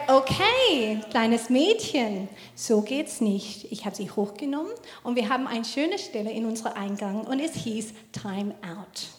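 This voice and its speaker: High-voiced woman telling a lively story. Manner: lively storytelling with frequent laughs; slightly broken German grammar. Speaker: mother telling a parenting story. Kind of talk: casual faith talk. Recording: roomy echo.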